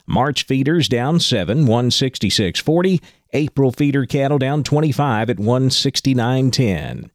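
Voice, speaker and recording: A man's voice: medium pitch, no room sound, studio quality. A man reading a scripted agricultural market report as a radio news anchor. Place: dry studio.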